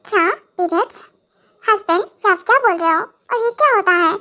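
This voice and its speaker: A woman's voice: extremely high pitch, lively intonation, normal speed, sharp tone, exaggerated voice. A young woman voicing a naive childish wife. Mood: puzzled. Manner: whiny, talks about herself in third person. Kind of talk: amateur audio drama acting.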